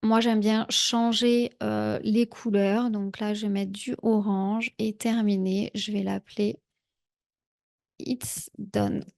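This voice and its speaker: Woman walking you through a tutorial, chatty, lots of "heu", a bit of fry in the voice. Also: mid-range voice, flat delivery, slow pace, a little mellow. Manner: chatty, many "heu" fillers, speaks directly to viewer. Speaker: productivity tutorial creator. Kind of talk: casual screen-share tutorial.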